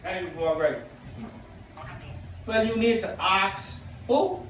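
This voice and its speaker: A man's voice: high-pitched, big pitch swings, takes it slowly, noisy background. A Bahamian man preaching a sermon to his congregation, reading quotations aloud and asking them questions. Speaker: pastor. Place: church hall. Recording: echoey church, voice from far off.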